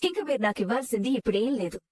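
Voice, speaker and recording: A woman's voice: fairly high pitch, lively intonation, very fast, no room sound. A woman playing a calculating schemer who speaks in cool, menacing tones in a TV serial. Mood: scheming. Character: scheming woman plotting with a minister. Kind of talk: Telugu TV serial acting.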